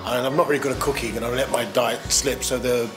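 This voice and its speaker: A man's voice: mid-range voice, steady tone, quick pace. A man giving a personal account in an interview. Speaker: service user being interviewed. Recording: loud music behind the voice.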